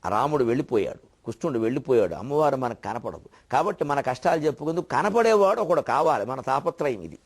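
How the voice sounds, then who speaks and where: An older man giving a religious discourse, indignant and scolding, firing off rhetorical questions and slowly chanting verses. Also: mid-range voice, big pitch swings. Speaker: spiritual orator.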